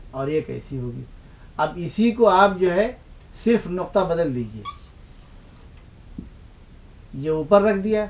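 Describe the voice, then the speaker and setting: In a televised language lesson, a man with a slightly high, darkish voice teaches the Urdu script. He patiently poses questions and answers them himself, repeating points for emphasis.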